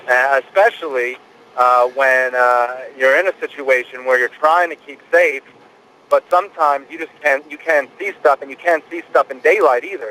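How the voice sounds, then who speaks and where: A male field reporter telling his storm experience live and unscripted, halting and repeating words as he goes. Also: medium pitch, bright, forceful tone, a little hiss or hum, poor audio.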